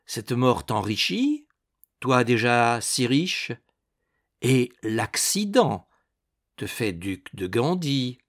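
A man's voice: mid-range voice, sing-song, extremely slow, full character voice. A man reading an audiobook, voicing a proud, scheming young Renaissance noblewoman with a languid, grandly ambitious manner.

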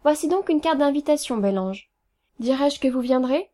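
Woman reading as a fawning society duchess, high and coaxing, storybook reading. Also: animated, normal speed, mellow. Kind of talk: audiobook reading.

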